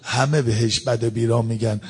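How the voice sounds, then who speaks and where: A man's voice: medium pitch, steady tone, darkish tone, husky. A man preaching a mourning sermon, telling a story with feeling and acting out the people he quotes. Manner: dramatic storytelling, acts out quoted speakers.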